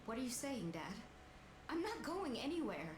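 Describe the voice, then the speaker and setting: A high-voiced upset game daughter. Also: female voice, very animated, moderate pace. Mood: upset, defiant. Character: loyal, upset young daughter refusing to leave. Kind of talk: video game cutscene acting. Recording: echoey, noisy game audio over stream.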